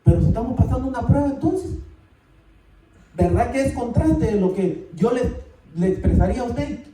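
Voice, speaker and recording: High-voiced preacher in an echoey church. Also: male voice, normal speed, distant mic, faint music behind. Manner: animated, calls out "hermano" often. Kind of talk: sermon. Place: church sanctuary.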